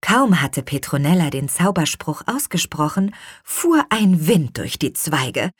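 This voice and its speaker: A woman reads a children's story aloud in an unhurried, expressive way. Her pitch moves lively through the sentences. The recording is dry and close. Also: breathy edge, no echo. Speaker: audiobook reader. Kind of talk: scripted children's story narration.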